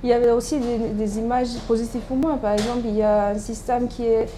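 A Turkish woman in her thirties, a doctoral student, answers interview questions casually and hesitantly, full of fillers and restarts. Her fairly high voice barely moves in pitch, and she talks briskly in a mellow tone. The low-quality recording carries background noise.

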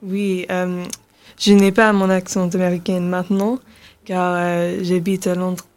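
English teen girl, radio guest, halting French, monotone delivery. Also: on the low side. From England. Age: teens. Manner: hesitant, halting French with many fillers. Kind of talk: radio interview.

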